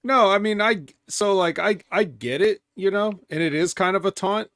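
A man's voice: sits high, moderate pace, a bit bright, dry recording, studio quality. A man co-hosting a wrestling podcast, easygoing, explaining wrestling psychology. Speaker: podcast co-host, wrestling veteran. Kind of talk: casual wrestling review chat.

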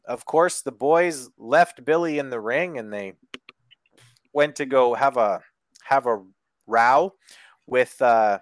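A man's voice: mid-range voice, slow pace, pauses often, no room sound. A man co-hosting a podcast over an online call, recapping wrestling with sarcasm, swearing and lots of ums. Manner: sarcastic and profane, frequent ums and restarts. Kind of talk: casual chat.

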